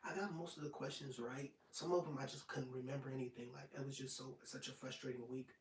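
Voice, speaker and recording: A man of twenty-five hosting an ASMR live stream, chatting casually and rambling, sometimes dropping into soft whispers. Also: mid-range voice, fast, recorded from a distance. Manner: rambling and relaxed, drops into soft whispers at times. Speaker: ASMR channel host. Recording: roomy, off-mic sound with faint noise.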